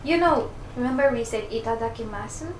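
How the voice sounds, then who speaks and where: A woman's voice: a little high, brisk, distant mic. A woman hosting a friendly chat over a meal and teaching her guests phrases. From Japan. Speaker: host. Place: restaurant. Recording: echoey room with noise.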